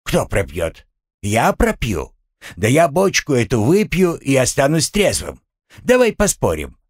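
A man's voice: medium pitch, huge pitch swings, unhurried, dry recording, clean studio sound, voice pushed up, exaggerated voice. A man voicing a grumpy, boastful little male sidekick in an audiobook, quarrelsome and full of himself. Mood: grumbling boastful. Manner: quarrelsome, bragging.

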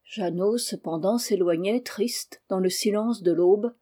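A woman narrating a storybook chapter in a calm, measured way. Her voice is mellow and warm, with a middle pitch and an even, unhurried delivery. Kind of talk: audiobook narration.

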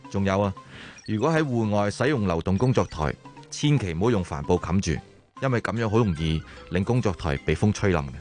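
Brief: young actor as a steady safety instructor, low voice, radio play. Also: male voice, a little fast, faint music behind, lightly acted. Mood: instructive. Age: young adult. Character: calm young male safety expert. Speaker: safety expert in a safety radio drama. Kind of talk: radio drama acting.

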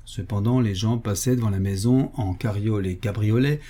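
A man reading a comic novel aloud in a lively, ironic way. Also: lowish voice, normal speed. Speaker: audiobook reader. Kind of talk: expressive audiobook narration.

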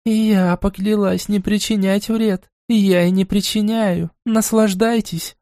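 A man voicing a vengeful, scornful female goddess who speaks in a cold, slow, menacing way. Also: sits high, fairly even intonation, dark tone, dry recording, studio quality, pitched above the performer's own voice. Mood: mocking.

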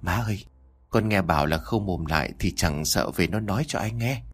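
Male reader playing a pushy young wife, sharp and demanding, storybook villain. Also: low-pitched, brisk, slightly rough, voice pushed down. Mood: whispering. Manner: pressing, demanding. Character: scheming pregnant young wife, sharp-tongued.

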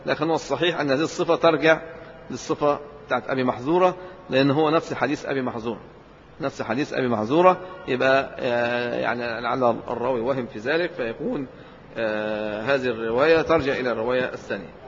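A man with an Egyptian accent teaches a religious lesson at a brisk pace, laying out each point and asking rhetorical questions that he answers right away. His voice rings with a long hall reverb. The recording sounds slightly muffled and lo-fi, with a faint hiss underneath. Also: medium pitch. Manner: explains step by step, poses rhetorical questions and answers them.

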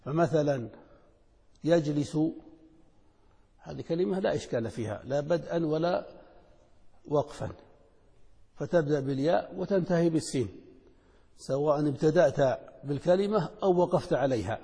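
A man explains a lesson step by step, asking questions and then answering them. His voice sits a little high and sounds warm and mellow. A long reverb trails each phrase, as in a hall. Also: normal speed, creaky, pauses often. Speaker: teacher.

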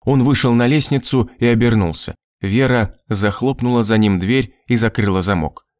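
A man narrating an audiobook in a steady, measured reading. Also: mid-range voice, no room sound, studio quality. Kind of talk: scripted narration.

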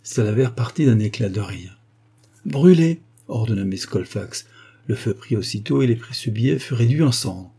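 Deep-ish husky guy reading an old novel aloud, steady and dramatic. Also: fairly quick. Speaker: audiobook narrator. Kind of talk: scripted narration.

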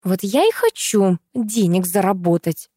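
A woman's voice: mid-range voice, lively intonation, unhurried, mellow, no echo, studio quality. A woman voicing a feverish, secretive young woman in an audiobook. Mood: evasive. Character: excited scheming young woman.

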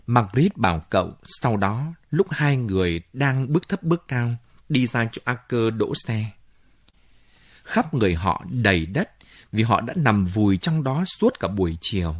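Male audiobook narrator, mid pitch, lively intonation, dry close recording. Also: normal speed, no echo. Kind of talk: audiobook story reading.

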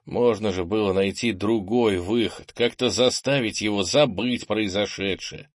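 Low-voiced man narrating an audiobook. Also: measured pace, no echo, clean studio sound. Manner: steady, even storytelling. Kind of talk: scripted narration.

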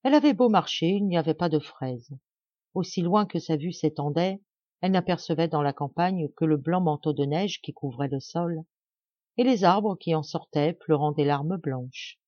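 Mellow-voiced woman reading a fairy tale. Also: low-pitched, dry recording, lo-fi sound. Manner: clear, measured reading. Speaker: volunteer audiobook reader. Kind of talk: storybook narration.

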